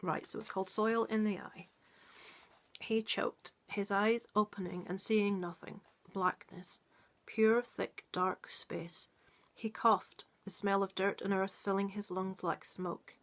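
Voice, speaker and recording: A woman's voice: medium pitch, fairly even intonation, a little slow, fairly bright tone. A middle-aged woman giving a casual, earnest book review and reading a story aloud, with many ums and restarts.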